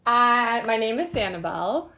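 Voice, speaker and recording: A woman's voice: on the high side, sing-song, unhurried, pushed and bright, low-quality recording. A woman in her thirties from Chicago, chatting casually as a guest and laughing often. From Chicago, USA. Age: 30s. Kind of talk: casual chat.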